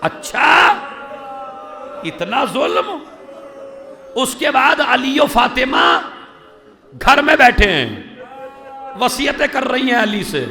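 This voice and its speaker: A man's voice: extremely high pitch, creaky, pushed and bright. A male cleric delivering an impassioned mourning sermon, chanting and wailing as he urges listeners to weep. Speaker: cleric reciting a mourning majlis.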